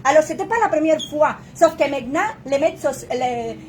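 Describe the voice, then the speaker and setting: A woman's voice: high voice, animated, a little fast, a little mellow, slight background noise. A woman, a native Spanish speaker, arguing insistently in French with a Cuban accent. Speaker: immigration consultant. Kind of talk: impassioned public argument.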